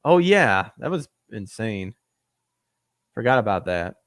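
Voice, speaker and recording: This man's voice is on the low side with big pitch swings and a slow pace, recorded in the studio with no room sound. Reading the news on his podcast, he mocks it sarcastically, laughs at his own jokes and stumbles over his words.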